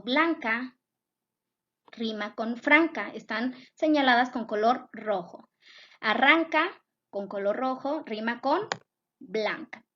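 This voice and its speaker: Woman teacher, patient classroom explanation, unhurried, slightly high voice, lo-fi recording. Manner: patient, repeats points with checking tags. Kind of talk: classroom lesson explaining poetry. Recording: dull lo-fi sound.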